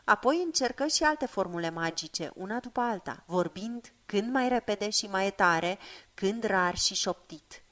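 A woman's voice: medium pitch, animated, a bit bright. Woman reading a fantasy audiobook. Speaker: audiobook narrator.

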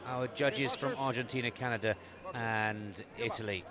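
A man giving measured live boxing commentary in short, halting phrases. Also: mid-range voice, over a noisy crowd.

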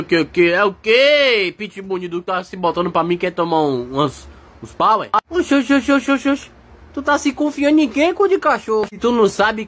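A man voicing a brash, teasing male dog in a comic dub of animal videos, rowdy and quick to laugh. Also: high-pitched, a bit bright. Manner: swings between mock threats and joking.

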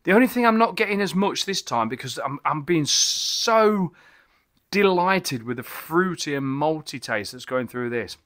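In his small indoor home bar cabin, surrounded by bottle shelves, a middle-aged man reviews beer for a casual vlog. His voice is fairly high, animated and a bit bright, at a normal speed, and he rambles excitedly with frequent exclamations and restarts.

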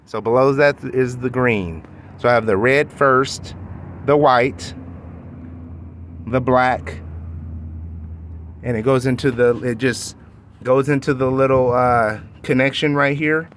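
Speaking slowly with long pauses, a man shows off his backyard hot tub in a casual walkthrough filmed on the phone camera he's holding. His medium-pitched, somewhat bright voice stays fairly even while he rambles, self-corrects, and uses lots of fillers, with a little hiss or hum present.

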